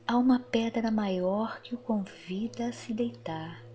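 A woman narrating a guided meditation in a soft, soothing, breathy voice that trails into a near-whisper, with long pauses. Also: a little high, slight background noise. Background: music.

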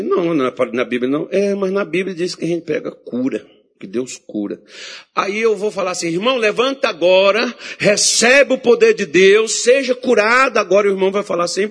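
A pastor preaches in a lively storytelling manner, putting on voices for the people in his tale. His voice is a little husky and sits somewhat high for a man. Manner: animated preacher acting out quoted voices. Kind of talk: sermon with storytelling.

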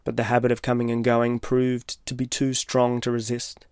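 A man reading his own reflective, literary personal essay as scripted narration, in a measured way. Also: medium pitch, completely flat delivery, smooth, dry recording, clean studio sound. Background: soft guitar music.

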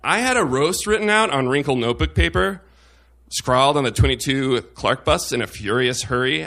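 Bright-voiced man reading a wry essay. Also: mid-range voice. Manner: wry, self-mocking humor. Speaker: op-ed reader at a live show. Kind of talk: reading a personal essay on stage.

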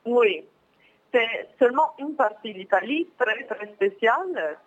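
A woman's voice: fairly high pitch, animated, slight background noise. Italian-accented young woman over muffled phone. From Milan, northern Italy. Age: young adult. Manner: hesitant, searching for words, many pauses. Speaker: phone guest, former exchange student. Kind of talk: phone interview.

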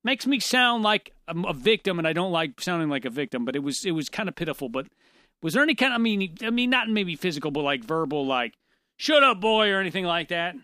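A man co-hosting a casual chat, telling stories in an animated, self-deprecating way with frequent laughter. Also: a little high, fast talker, dry recording, clean studio sound. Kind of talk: casual conversational storytelling.

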